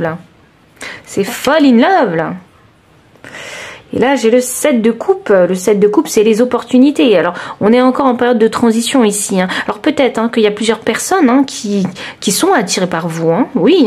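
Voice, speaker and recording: A woman giving a chatty, expressive tarot reading, talking straight to her listeners and exclaiming over the cards. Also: a little high. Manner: addresses listeners directly. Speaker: tarot card reader. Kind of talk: informal tarot reading to camera.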